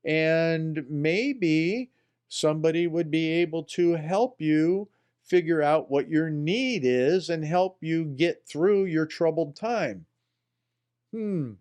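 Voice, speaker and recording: Folksy guy rambling thru his commentary, slow and smooth, kinda higher voice. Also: a little mellow. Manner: folksy, rambling, talks to himself. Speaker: political commentary host. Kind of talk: casual spoken commentary.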